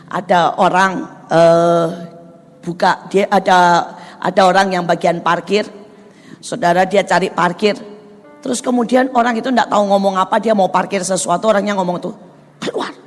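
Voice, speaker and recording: A woman preacher delivering a lively sermon full of stories, often turning to the listeners and mimicking the people she describes. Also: mid-range voice, normal speed. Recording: long hall reverb, faint music.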